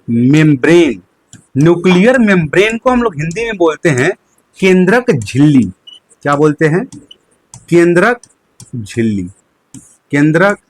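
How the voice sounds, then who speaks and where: A man's voice: high-pitched, dry recording. A young man teaching a live online lecture, asking questions and answering them himself and repeating key terms. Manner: uses a handkerchief as a prop.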